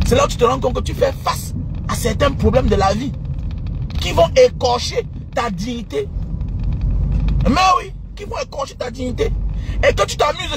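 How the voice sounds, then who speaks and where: Middle-aged man, vlogger lecturing listeners; very high, lively voice, pushes his points and repeats them, faint traffic behind. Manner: emphatic, lecturing, repeats phrases, bursts of shouting. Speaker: vlogger giving life advice. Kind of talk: casual preachy monologue.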